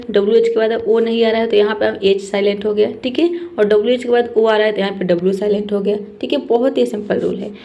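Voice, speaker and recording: A woman's voice: on the high side, creaky, dark tone. A woman teaching an English spelling lesson, explaining patiently and repeating each word, often checking in with her students.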